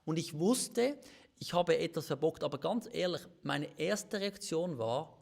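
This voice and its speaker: A man's voice: on the high side, lively intonation, measured pace, gravelly, a little mellow. A man with a Swiss German accent, a pastor co-hosting a live-streamed marriage chat, talking in an earnest, confessional way. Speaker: pastor and co-host of a marriage talk. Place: church office.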